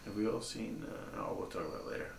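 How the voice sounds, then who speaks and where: A man co-hosting a casual movie podcast, loud, joking and swearing freely. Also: fast. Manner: loud, profane, jokey. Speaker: podcast co-host. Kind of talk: casual chat. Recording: roomy, distant mic, faint noise.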